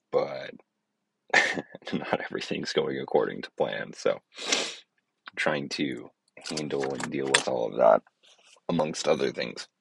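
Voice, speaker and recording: A man's voice: extremely low pitch, gravelly, fairly bright tone, slightly rough. A man hosting his own podcast, talking in a meandering, hesitant way with many fillers and self-corrections. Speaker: podcast host. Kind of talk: rambling casual monologue.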